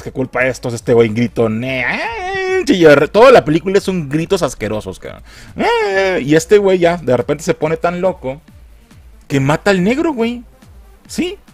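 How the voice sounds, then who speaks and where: Young Mexican man, film reviewer, crude mocking recap, very lively pitch, faint music bed. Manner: crude, mocking slang, lively put-on character voices.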